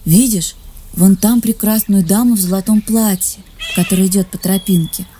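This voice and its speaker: A man's voice: sits high, steady tone, moderate pace, mellow, husky, pitched above the performer's own voice. A man doing a weary, reproachful fairy mother. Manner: sad, admonishing.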